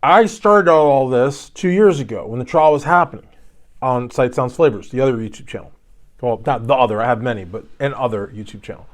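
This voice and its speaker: A man's voice: mid-range voice, a little fast. A man from Kentucky hosting a YouTube channel, giving casual commentary with rambling, joking asides. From Louisville, Kentucky.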